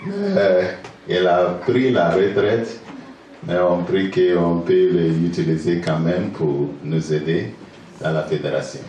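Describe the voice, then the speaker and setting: A deep, dark-toned voice belongs to a pastor from Ghana, native in English and Ghanaian-accented, preaching hesitantly in French with fillers while pausing for interpretation. He is heard from a distance in an echoey church hall, with faint noise.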